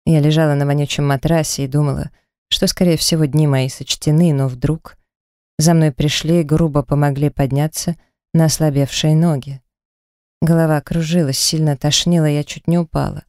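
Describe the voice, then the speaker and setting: Mellow, smooth-voiced woman narrating. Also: low voice, fairly even intonation, moderate pace, no echo, studio quality. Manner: dramatic, emotional reading. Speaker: audiobook narrator. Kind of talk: first-person novel narration.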